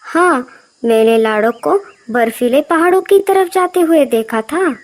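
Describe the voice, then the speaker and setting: A woman's voice: high voice, animated, unhurried. Woman playing an auntie bird. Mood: curious. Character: older female bird, the neighborhood auntie.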